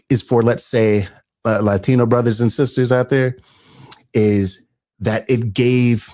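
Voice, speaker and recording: A man hosting an earnest, conversational commentary, growing animated as he talks. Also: mid-range voice. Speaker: host. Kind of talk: casual commentary.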